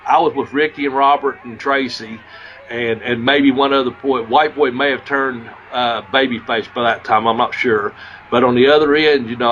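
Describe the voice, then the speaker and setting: A former wrestler hosting a podcast rambles through wrestling stories in casual, profane fashion, restarting often and losing his voice a little. His voice is medium-pitched with a fairly bright tone. The audio sounds dull, with slight background noise.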